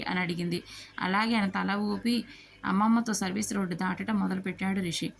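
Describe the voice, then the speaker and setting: A woman narrates a family story at an even, everyday pitch. She gives every character's lines in her own voice and mixes English words into her sentences. Now and then she slips on a word and starts it again. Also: vocal fry. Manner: reads dialogue of all characters in her own voice; occasional slips and restarts.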